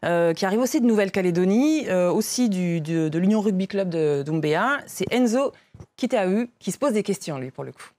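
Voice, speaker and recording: A woman's voice: mid-range voice, lively intonation, darkish tone. A woman hosting a talk show, asking probing questions and summing up what her guests say. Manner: quick, probing, sums up guests' points. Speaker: radio show host. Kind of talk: conversational studio talk show.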